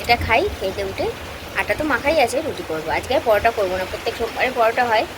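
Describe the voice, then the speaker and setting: Chatty homely woman with a high voice. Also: animated, fast talker, background noise. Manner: chatty, homely, talks straight to her viewers. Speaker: housewife vlogger. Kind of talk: casual vlog chat to viewers. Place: at home, indoors.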